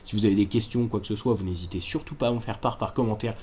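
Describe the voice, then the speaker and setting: A man's voice: lowish voice, very fast, darkish tone, highs cut off, a little hiss or hum. A man hosting a game walkthrough, talking casually and correcting himself as he explains moves to viewers. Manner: chatty, self-correcting, addresses viewers directly. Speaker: gaming walkthrough host.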